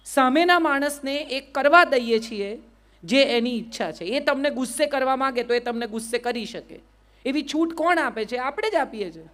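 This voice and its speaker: Brief: middle-aged Gujarati woman, high voice, motivational speaker, quizzes the crowd. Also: fairly bright tone. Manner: asks the crowd rhetorical questions, repeats "yes or no". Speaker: public speaker. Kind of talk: motivational speech to a live audience.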